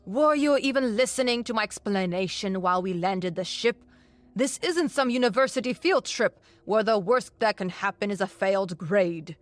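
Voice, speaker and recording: A woman voicing an older male alien professor who talks in a hushed, urgent whisper, with a changed timbre, in a storybook reading. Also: mid-range voice, expressive, normal speed, no echo, natural voice. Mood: hushed scolding.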